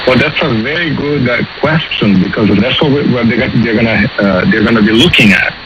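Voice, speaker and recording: A man's voice: mid-range voice, fairly quick, lo-fi sound, over a noisy crowd. A man explaining as an expert guest in a radio interview, hesitant and searching for words. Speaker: virology professor, interview guest. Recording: very noisy radio feed.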